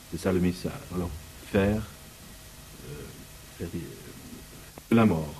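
A man reads passages from a book and breaks off to explain them in his own words. His delivery is halting, with frequent pauses while he searches for the right word. His voice sits at an ordinary pitch for a man. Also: dark tone, a little hiss or hum, rough recording. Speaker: speaker commenting on a book. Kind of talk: reading passages aloud and commenting.

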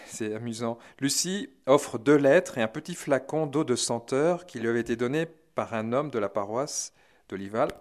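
Man telling a miracle story, animated. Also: mid-range voice, normal speed. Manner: lively, dramatic retelling with chuckling asides. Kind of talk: religious storytelling talk.

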